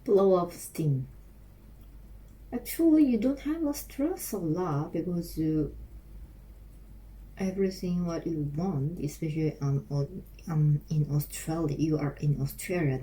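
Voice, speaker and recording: A middle-aged woman with a Korean accent, practicing English phrases aloud, repeating each one slowly with frequent restarts. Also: low-pitched, mellow. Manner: slow, repeats phrases over and over, halting with restarts. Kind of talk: self-recorded English speaking practice.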